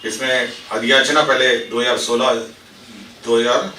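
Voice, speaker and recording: A man's voice: mid-range voice, fairly even intonation, unhurried, pushed and bright. A man giving a formal press briefing as a government official, reading out decisions and explaining them, with English administrative terms mixed in. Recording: echoey room, distant mic, faint noise.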